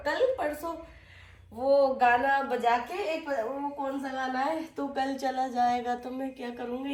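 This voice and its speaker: A woman's voice: sits high, a little mellow. Chatty woman with a cold, home vlog. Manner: chatty, talks to her kids and viewers. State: has a cold. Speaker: vlogger and mother. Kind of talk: casual home vlog chat. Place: home indoors.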